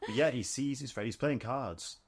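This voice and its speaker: A man co-hosting a casual film discussion podcast, explaining production details in a relaxed way. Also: medium pitch, moderate pace, husky. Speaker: podcast co-host.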